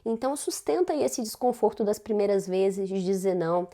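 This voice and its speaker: A woman's voice: medium pitch, animated, a little fast, warm tone. A woman with a Brazilian Portuguese accent giving casual self-development advice, talking conversationally and often tagging her sentences with questions. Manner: conversational, frequent tag questions.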